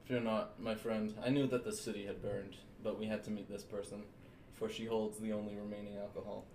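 A man's voice: on the low side, level tone, a little fast, natural voice. A man voicing a grandiose, serene fortune teller with lofty pronouncements in a tabletop role-play. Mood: grand, serene. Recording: echoey room with clear noise.

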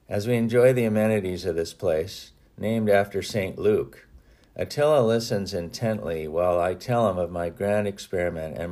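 Deep, mellow man reading his memoir. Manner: earnest, reflective storytelling with small restarts. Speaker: author reading his own book. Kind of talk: audiobook narration.

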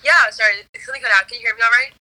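A woman's voice: on the high side, fairly even intonation, very fast, sharp tone, slight background noise. A teenage girl talking casually on a video call while the audio keeps cutting out, her voice faint and distant. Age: teens. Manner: chatty, many fillers. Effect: call audio dropping out, faint and distant. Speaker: guest content creator. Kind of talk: casual interview over a call.

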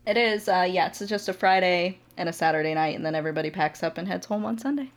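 A woman's voice: fairly low pitch, fast. A young adult woman from Ohio, a motovlogger guest chatting casually on a podcast, laughing often.

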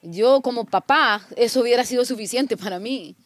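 A woman's voice: fairly high pitch, moderate pace. A woman giving a live first-person interpretation of a man's church testimony, speaking earnestly with frequent self-corrections.

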